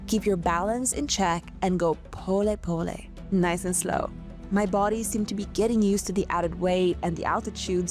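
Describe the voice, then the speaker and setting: Woman narrating a travel vlog. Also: mid-range voice. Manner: relaxed storytelling. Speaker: travel vlogger. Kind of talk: voice-over narration. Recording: music under narration.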